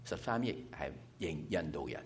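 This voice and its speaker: A man's voice: extremely low pitch, expressive, moderate pace, slight background noise. A man preaching a sermon to a church gathering, explaining his points step by step with worked-out numbers.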